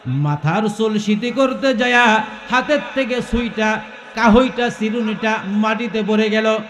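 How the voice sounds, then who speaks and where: A man's voice: sits high, unhurried, fairly bright tone, roomy sound, slight background noise. A male preacher telling a story in a sermon, calling out questions to the crowd and breaking into melodic chanting.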